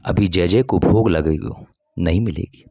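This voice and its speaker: A man's voice: deep voice, a little slow, mellow, no echo, clean studio sound, pitched below the performer's own voice. A man voicing a grieving elderly mother who pleads tearfully in rustic village speech. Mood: tearful lament.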